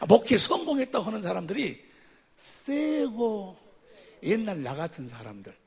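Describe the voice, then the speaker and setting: A man preaching at a church seminar, who keeps quizzing the audience and calling for amens, sometimes bursting into shouts. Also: high-pitched, husky. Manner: quizzes the audience with constant questions; calls for amens after each point. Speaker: pastor. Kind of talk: seminar sermon teaching.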